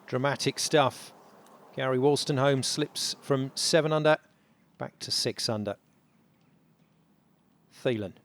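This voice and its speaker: A man commentating on tournament golf, building drama in short, measured phrases. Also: medium pitch.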